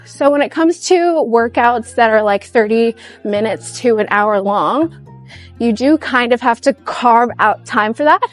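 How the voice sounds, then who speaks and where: A woman's voice: a little high, expressive, unhurried, soft background music. A young woman chatting casually into her camera while out on a walk, upbeat and giggly. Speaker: vlogger. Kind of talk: casual vlog chat while walking. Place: outdoors on a walk.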